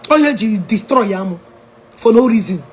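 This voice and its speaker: A Nigerian woman with an Igbo-tinged accent chatting on a casual livestream from a hotel room, animated and laughing, mixing English and Igbo. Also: on the high side, normal speed. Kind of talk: casual live-stream chat.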